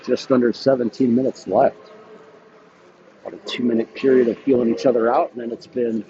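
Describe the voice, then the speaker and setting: A man doing live hockey play-by-play commentary in quick, clipped calls that jump up on shots. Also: mid-range voice. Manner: rapid clipped calls, bursts of excitement on shots. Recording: dull lo-fi stream audio with noise.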